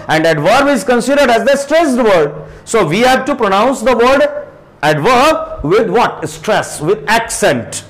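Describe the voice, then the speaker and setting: A man teaching English grammar in Hindi, with an Indian English accent. He repeats example sentences slowly and puts heavy stress on key words. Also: sits high. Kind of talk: spoken grammar lesson.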